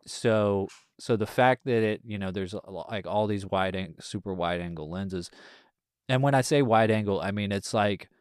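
Low-voiced rambling man reviewing films. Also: normal speed, clear, resonant tone, no echo, studio quality. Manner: rambling, filler-heavy, trailing off quietly. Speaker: podcast co-host. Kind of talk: casual film review chat.

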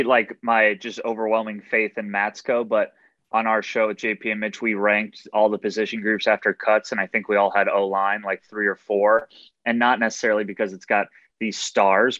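A man with a fairly low voice gives casual sports analysis on a podcast panel. The sound is dry and somewhat dull, like a lo-fi microphone. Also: fairly bright tone, no echo.

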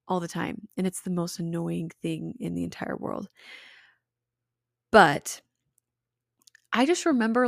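A woman's voice: medium pitch, dry recording, studio quality. A young woman with a Utah accent hosting her own podcast in a casual, candid way, giggling and swearing freely as she chats. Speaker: podcast host. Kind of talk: casual solo podcast chat.

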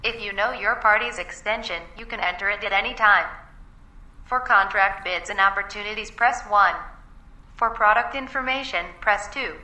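A woman voices an automated female phone menu in a radio drama, giving flat, polite recorded prompts. Her bright, crisp tone sounds distant. A roomy echo surrounds it. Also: mid-range voice, normal speed. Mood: prompting.

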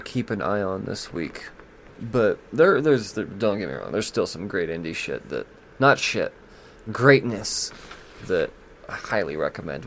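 A man's voice: lowish voice, a little hiss or hum. A man hosting a comics podcast, going over new releases in casual, profane, joking talk and stumbling as he reads blurbs aloud.

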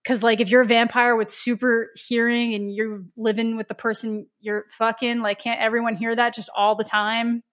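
A woman's voice: a little high, level tone, moderate pace, few pauses, fairly bright tone. A woman co-hosting a podcast, chatting casually about a movie, laughing often and swearing while she mocks it. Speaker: podcast co-host. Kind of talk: casual movie review chat.

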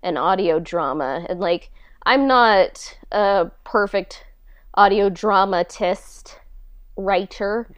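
A woman who hosts a podcast and writes audio dramas is interviewed casually, speaking informally and hesitantly with a self-deprecating manner. Her voice is mid-range and unhurried, with no room sound.

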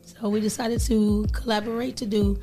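A woman with a hoarse, strained voice that is giving out, talking casually as a restaurant owner being interviewed on a radio show. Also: mid-range voice, steady tone, moderate pace, mellow. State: losing voice. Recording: music playing behind the talk. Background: music.

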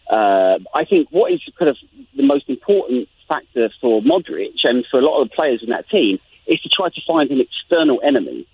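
An Englishman from England, working as a guest journalist, talks animatedly in a phone interview with a mid-range voice, often restarting and repeating his sentences. The tinny phone line carries slight background noise.

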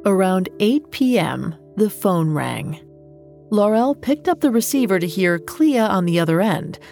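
Female crime show narrator, mid-pitched, measured and suspenseful scripted storytelling, music bed. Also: very animated, vocal fry, darkish tone. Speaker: podcast host and narrator. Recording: music under the voice. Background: background music.

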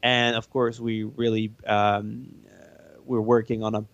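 Male game developer in a casual interview, low-pitched and even, halting delivery, slightly dull lo-fi sound. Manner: halting, searching for words. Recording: roomy, band-limited dull sound.

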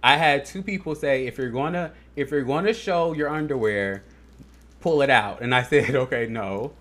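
Another podcast co-host, a man with a mid-range, slightly bright voice at normal speed, chats casually, laughing often and filling his speech with fillers.

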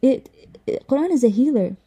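A woman's voice: high-pitched, expressive, brisk, warm tone, slightly rough. A young woman hosting a casual religious podcast, talking earnestly and full of "like" and "you know". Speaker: podcast host.

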